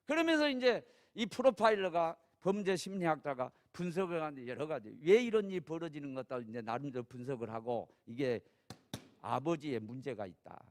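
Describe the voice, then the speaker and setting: A man preaching a sermon as pastor, talking conversationally to the congregation and rising from soft asides to loud, emphatic peaks. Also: on the high side, lively intonation, brisk. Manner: conversational, asks the congregation "예?" for assent.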